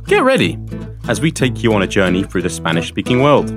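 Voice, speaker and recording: A man hosting a scripted language lesson, speaking slowly and clearly and repeating phrases. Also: on the low side, lively intonation. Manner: slow, clear teaching delivery with repeated phrases. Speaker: language teacher and host. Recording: faint guitar music underneath.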